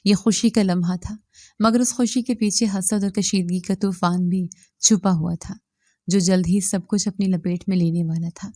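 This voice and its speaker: A woman narrating a moral story in a steady, even reading voice. Her tone is mellow and dark, and the recording is close and dry with no room sound. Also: mid-range voice, no room sound.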